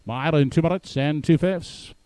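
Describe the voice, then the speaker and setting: A man's voice: a little high, moderate pace, dark tone, clear, resonant tone, dry recording. A man calling a harness race as live commentary, in an announcer's delivery that builds in intensity toward the finish.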